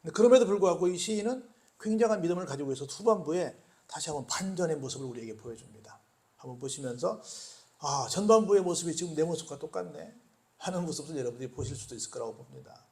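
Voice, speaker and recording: A male pastor preaching a sermon, asking the congregation rhetorical questions and swinging between quiet, low passages and loud, emphatic ones. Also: lively intonation, quick pace.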